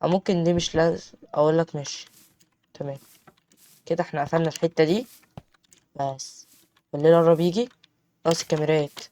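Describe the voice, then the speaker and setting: A man with an Egyptian Arabic accent giving chatty let's-play commentary on a game, breaking into panicked shouts. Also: a little high, fairly even intonation, fast, long pauses. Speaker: gaming channel host.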